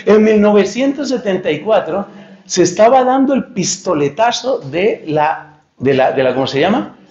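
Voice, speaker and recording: Friar-preacher type, a lively joking man lecturing to an audience, a bit high in pitch, recorded echoey and lo-fi. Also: moderate pace. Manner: animated, joking, searches for words, mocking quoted voices. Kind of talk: lecture-style talk.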